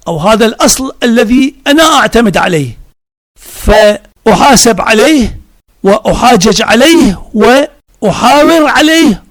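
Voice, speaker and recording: A man giving a religious lecture, slow and deliberate, stacking synonyms one after another with emphatic repetition. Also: very high-pitched, gravelly.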